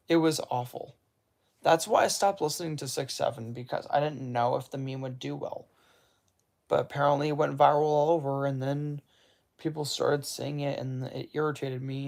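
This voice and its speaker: An American man hosts a casual livestream, rambling and correcting himself as he responds to chat. His voice is fairly high and a bit mellow, with some vocal fry.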